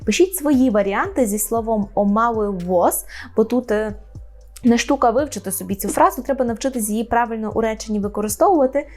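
A woman teaching an online language lesson, explaining slowly and repeating each phrase with a frequent checking "right?". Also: a little high, a little mellow.

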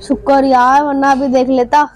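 A woman running a gaming channel delivers playful, joking live commentary over gameplay, punctuated by panicky, excitable outbursts. Her voice sits high and she talks at a normal speed.

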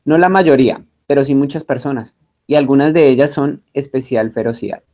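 A man's voice: medium pitch, a little fast, mellow. A man teaching a Bible class in a lecture style, spelling out terms, checking that students follow and joking along the way. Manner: chatty and joking, with many restarts.

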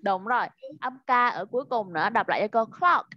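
Talking fast in a mid-range voice, a woman with a Vietnamese accent gives a child an online English lesson. The video call audio is dull and dry. She patiently repeats pronunciation drills and keeps encouraging the student.

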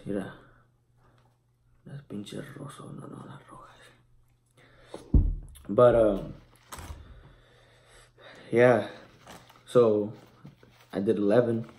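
A man's voice: lowish voice, dark tone. A man in his twenties chatting casually to camera as a vlogger, hesitant and laid-back. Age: 20s. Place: small room at home, indoors.

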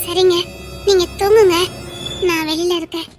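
A woman with a Tirunelveli accent playing a gentle young wife who speaks hesitantly, stumbling over her words, in a family drama. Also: extremely high pitch, fairly even intonation, moderate pace, faint music behind. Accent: Tirunelveli Tamil.

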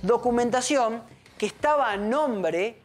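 A woman's voice: fairly high pitch, lively intonation, a little slow, soft background music. Argentine lady crime reporter on tv panel, explains step by step, keeps saying exactly. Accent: Argentine Spanish. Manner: explanatory, emphatic, often says "exactamente". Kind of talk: live news panel commentary.

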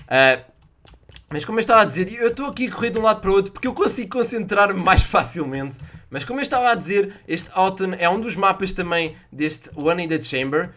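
A young man from Portugal with a European Portuguese accent, commentating his own gameplay in an excitable way and exclaiming at his misses. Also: high-pitched, quick pace. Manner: excitable, exclaims loudly at misses, jokey sound effects. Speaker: gaming youtuber.

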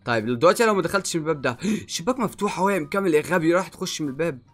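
A young man with an Egyptian accent giving excitable let's play commentary, swinging from muttering to yelling. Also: a little high, very fast, faint music behind. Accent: Egyptian Arabic. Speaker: gaming YouTuber.

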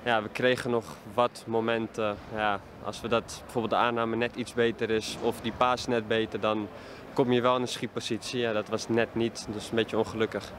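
A young man in his twenties, a football player answering post-match questions with many pauses and fillers, speaking into a handheld mic outdoors at a stadium. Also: lowish voice, flat delivery. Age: 20s. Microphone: handheld reporter mic held up to him. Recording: faint outdoor noise.

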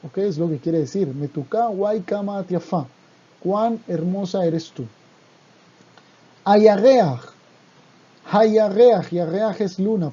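A man's voice: sits high, warm tone, breathy edge. A man teaching a language lesson, patiently explaining song lyrics word by word and repeating each term. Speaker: Hebrew teacher. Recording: dull lo-fi recording.

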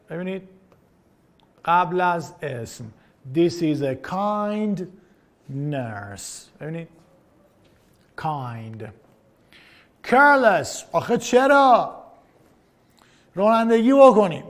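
Man as an online English tutor, high and lively, repeats words slowly. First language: Persian. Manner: animated, drilling words with slow repetitions and quick asides. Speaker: English teacher. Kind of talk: online vocabulary lesson.

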